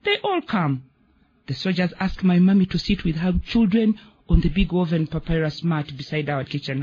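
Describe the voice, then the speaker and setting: A man reading a dramatic story aloud on the radio, acting out the characters with an expressive, husky voice. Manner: expressive, voices the characters with big pitch swings. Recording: muffled radio broadcast.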